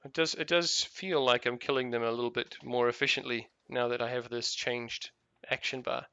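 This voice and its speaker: Bright, crisp New Zealand man rambling. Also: medium pitch, steady tone, moderate pace, no room sound, dull audio. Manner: rambling, many fillers and restarts. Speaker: gaming video host. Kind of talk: casual commentary while playing.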